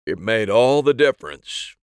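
A man voicing a terse, grudging homicide detective with deliberate official delivery in a mystery story. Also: lowish voice, lively intonation, clean tone, dry recording, studio quality. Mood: firm, matter-of-fact.

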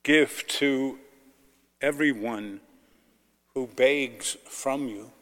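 A man, a clergyman, solemnly proclaiming scripture in deliberate short phrases, in a cathedral-like echo. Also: medium pitch, fairly bright tone. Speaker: clergyman reading the Gospel. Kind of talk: solemn liturgical Gospel proclamation. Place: large reverberant church. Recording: cathedral-like echo, long reverb.

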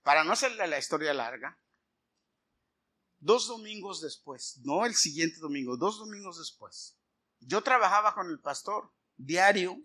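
This middle-aged man has a high voice and keeps a measured pace. During his sermon he animatedly recounts something from his own life, voicing each line of dialogue.

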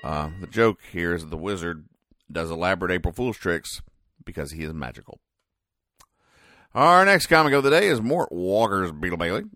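Recapping a comic strip on his podcast, a man with a deep voice speaks casually yet with deadpan, mock-serious care, pausing and hesitating often. The recording is close and dry, with no room sound.

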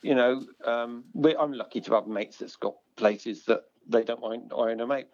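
A man's voice: mid-range voice, fairly even intonation, normal speed, darkish tone. Middle-aged man on a dull call line. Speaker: caller, forest school leader. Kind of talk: casual phone-in chat.

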